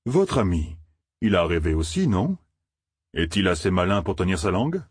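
A man voicing a cautious old traveling gleeman in an audiobook, giving advice in slow, weighty phrases. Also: deep voice, big pitch swings, slightly rough, no echo, clean studio sound, exaggerated voice. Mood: grave. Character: old traveling gleeman, cloaked, measured and wary.

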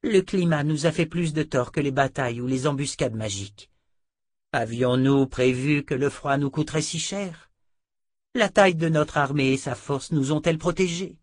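A somber sorceress lectures her emperor on death and danger, as a man reading the book puts her on. The voice sits noticeably higher than his narration, and the reading is dry and close, with no room sound. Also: no room sound, close to an everyday voice. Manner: lecturing, grave. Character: weary sorceress sister, somber and grave.

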